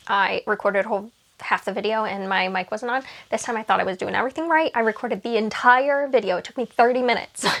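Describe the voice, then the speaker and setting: A young woman talks casually through her bookshelves at home, rambling with asides and fillers. She sounds a little out of breath at times, as in a relaxed home vlog. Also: fairly high pitch. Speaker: booktuber.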